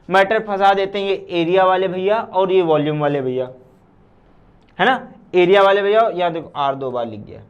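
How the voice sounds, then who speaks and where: A man's voice: high voice, clear, resonant tone, lo-fi sound. A man teaching a physics class, asking and answering his own questions and repeating points for the students. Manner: addresses students as children. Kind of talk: recorded class lecture.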